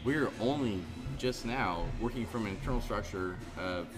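A man in his thirties from Central California talks at normal speed in a lowish voice over music. Guesting on a podcast in a bar, he keeps the chat casual and discursive, rambling between points.

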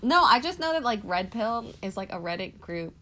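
A woman's voice: mid-range voice, sing-song, moderate pace, pushed and bright. A young woman co-hosting a casual book podcast, curious and hesitant, full of fillers. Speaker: podcast co-host. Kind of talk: casual book-club chat. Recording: remote call audio with faint background noise.

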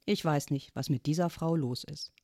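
A woman's voice: low voice, normal speed, mellow, dry recording, clean studio sound. A woman voicing an exasperated mother who is fed up with her own mother's Christmas fuss. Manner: exasperated, head-shaking.

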